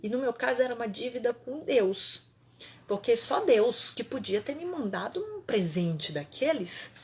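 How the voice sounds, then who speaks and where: A woman, a holistic therapist telling a personal story in an animated, emphatic way, repeating phrases for effect. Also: a little high, measured pace.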